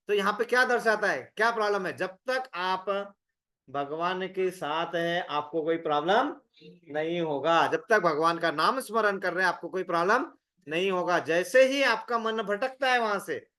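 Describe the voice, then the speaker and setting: High-voiced man leading a scripture class. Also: normal speed, sharp tone. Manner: conversational, quizzes listeners, repeats words. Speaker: scripture study leader.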